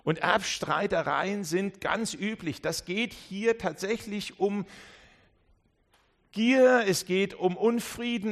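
A man preaching a sermon. His voice sits a little high. He delivers with drama, rising to urgent warnings and dropping to hushed, low asides. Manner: dramatic, acts out voices in dialogue.

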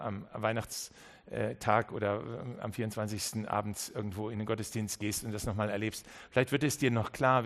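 A man preaching a Christmas sermon, speaking straight to the listener with many restarts and swings between quiet and emphatic passages. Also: mid-range voice. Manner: earnest, direct address with many restarts.

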